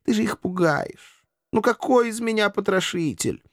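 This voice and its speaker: A man's voice: fairly high pitch, sing-song, normal speed, no echo, clean studio sound, pitched above the performer's own voice. A man voicing a gallant, theatrical young nobleman with florid, mock-courteous speech. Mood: playful. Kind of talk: audiobook character voice.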